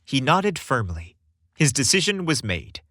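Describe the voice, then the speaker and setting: A male narrator reads scripted storybook prose with dramatic flair at a measured pace. His mid-pitched voice swings in lively ways, and the dry recording has no room sound.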